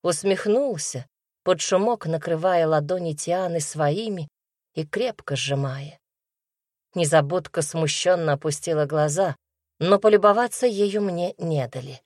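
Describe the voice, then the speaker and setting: A woman narrating an audiobook in the first person, calm and even. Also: fairly low pitch, unhurried, no echo, studio quality.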